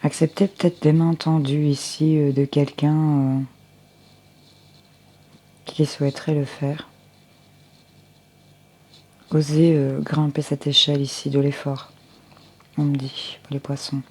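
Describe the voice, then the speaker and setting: A woman's voice: sits low, flat delivery, takes it slowly, pauses often, a little mellow, slightly rough. A woman giving a general tarot reading for viewers through a close headset mic, speaking unhurriedly with frequent hesitations and restarts. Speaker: tarot card reader.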